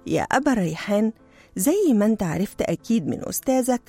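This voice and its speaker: A woman's voice: mid-range voice, sing-song, fast, creaky, mellow, husky, no room sound, soft background music, full character voice. A woman with an Egyptian Arabic accent voicing a gracious, curious male sultan who speaks in a stately, commanding way.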